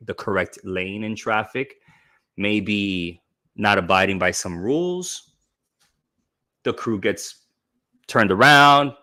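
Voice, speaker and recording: A man co-hosting a casual chat podcast, animated and prone to quick restarts. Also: fairly low pitch. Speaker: podcast co-host.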